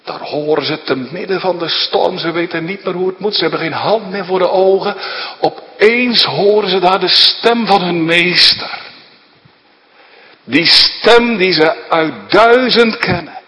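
A man's voice: sits high, a little slow, pushed and bright. A man dramatically retelling a Bible story, asking his listeners rhetorical questions as a preacher. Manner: vivid, asks listeners rhetorical questions, tag "hè". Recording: long reverb of a large hall.

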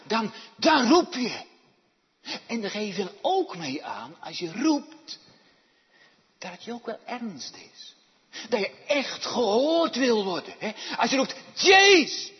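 A man preaching a sermon in a church, swinging from hushed, slow words to loud calls. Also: a little high. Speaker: pastor. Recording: dull echoey church hall.

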